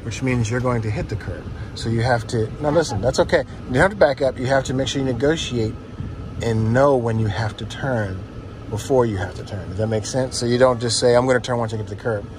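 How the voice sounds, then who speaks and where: Guy being a driving instructor, short repeated commands, regular pitch, noisy car recording. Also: brisk. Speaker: driving instructor, teaching a learner. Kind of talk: hands-on driving lesson instruction. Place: inside a parked or slowly moving van. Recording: noisy inside a vehicle.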